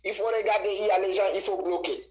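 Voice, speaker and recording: A man's voice: high voice, steady tone, quick pace, darkish tone, dull audio. A man from Senegal calling in to a live stream, talking emphatically with repeated words and restarts. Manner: emphatic, repetitive, stumbling restarts. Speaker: caller.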